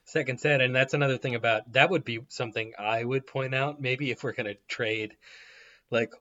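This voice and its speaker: A man's voice: mid-range voice, fairly even intonation, normal speed, bright, forceful tone, lo-fi sound. A man co-hosting a podcast in casual chat, rambling with frequent restarts and laughing often. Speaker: podcast co-host.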